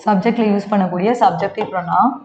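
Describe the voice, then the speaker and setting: A woman's voice: medium pitch, steady tone, fast, a little mellow. A woman with a Tamil accent teaches English grammar and explains each point patiently. She often checks whether her students have understood. The sound is roomy and a bit muffled. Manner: mixes Tamil and English, keeps asking the class to check understanding. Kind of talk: exam-prep grammar lesson.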